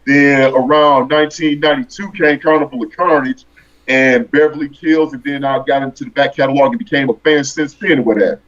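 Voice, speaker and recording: A man telling a long story as an interview guest, acting out his own thoughts with lively bursts. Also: mid-range voice, brisk, highs cut off. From American.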